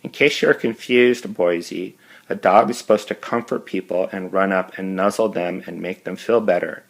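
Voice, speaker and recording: A man's voice: sits low, normal speed, vocal fry. A man voicing a moody, dramatic young teenage girl in a storybook read-aloud, with plaintive, wailing pleas. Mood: scolding.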